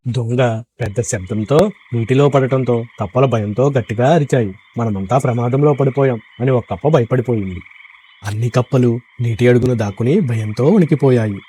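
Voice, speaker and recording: Mellow male storybook narrator. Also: medium pitch, a little hiss or hum. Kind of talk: scripted children's story narration.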